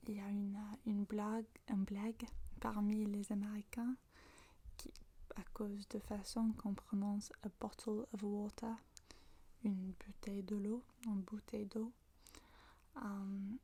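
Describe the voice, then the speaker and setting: A woman from Manchester with an English accent whispers a gentle ASMR lesson, her breathy voice staying flat and even. She talks slowly and haltingly, often pausing to find the right French word. Her tone is mellow and soft throughout. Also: mid-range voice. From Manchester, England. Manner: slow, halting, searching for French words. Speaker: ASMR language teacher.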